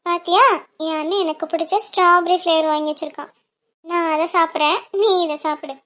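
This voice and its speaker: A woman voicing a high, teasing cartoon sister. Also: level tone, brisk, sharp tone. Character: young female college student, cheerful teasing sister. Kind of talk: cartoon dialogue.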